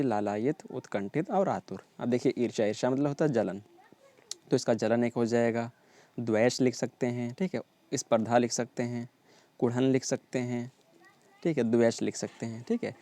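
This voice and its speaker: A man's voice: medium pitch, dark tone. A man teaching an exam-prep lesson, drilling word lists and often checking in with his students. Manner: repetitive drilling, frequent "ठीक है" check-ins.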